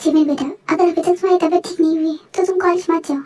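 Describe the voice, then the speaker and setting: A woman's voice: extremely high pitch, steady tone, rapid-fire, mellow. A woman voicing an anxious, caring middle-aged mother in a fan voice-over drama. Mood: worried. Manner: anxious, soothing.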